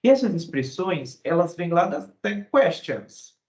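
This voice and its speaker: A man's voice: sits high, very animated, reverberant, muffled recording. A Brazilian man with a Brazilian Portuguese accent teaches an English lesson, explaining step by step and checking with short tag words. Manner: acts out short example dialogues, reading English phrases slowly.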